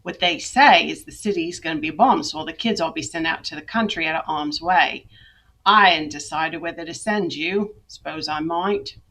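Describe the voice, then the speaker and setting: A woman's voice: low-pitched, a bit bright. Woman putting on a cruel Cockney mother. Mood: cold, scornful. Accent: attempted Cockney. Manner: slow, cold, menacing. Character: cruel harsh working-class London mother.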